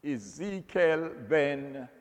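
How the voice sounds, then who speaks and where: A man teaching from the Bible in a slow, emphatic way, often repeating words as he builds his point. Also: a little high, animated. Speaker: preacher. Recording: long hall reverb.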